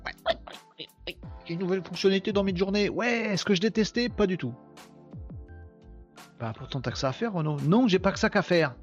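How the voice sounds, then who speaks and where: A man's voice: on the high side, muffled recording. A man with a ch'ti accent hosting a live podcast, chatting casually and joking with his viewers. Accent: Picard (ch'ti) traces. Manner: chatty, self-mocking, talks to chat viewers. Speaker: podcast host. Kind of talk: casual live-stream chat.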